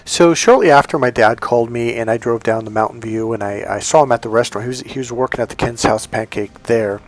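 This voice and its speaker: The audio is poor as a middle-aged dating coach from California talks fast at a medium pitch. He shares personal stories casually with viewers, straying onto tangents and speaking directly to them.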